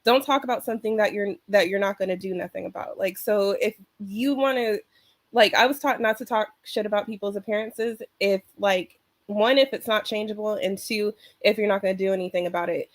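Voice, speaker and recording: A woman's voice: mid-range voice, steady tone, a little fast, no room sound. A young adult woman in a casual panel discussion on a video call, blunt and chatty, filling her speech with "like".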